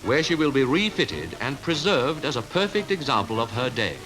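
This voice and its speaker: A man gives an old 1950s newsreel narration, formal and declamatory, his pitch rising and falling in lively sweeps. Music plays clearly behind him. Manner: formal, measured, declamatory delivery.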